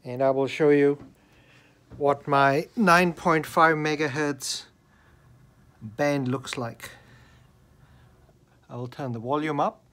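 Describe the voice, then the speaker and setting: In this casual video demonstration, a man from Australia who enjoys radio as a hobby walks through his homemade antenna indoors in a bedroom. His pitch sits fairly high, his tone is steady and a bit bright, and his explanation is relaxed yet deliberate, captured on a handheld camera he holds himself.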